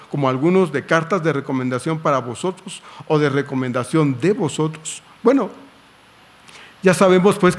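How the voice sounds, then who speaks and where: A middle-aged man preaches a sermon to his congregation. His voice sits fairly high, and he keeps the tone conversational, weaving in personal stories and rhetorical questions. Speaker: pastor.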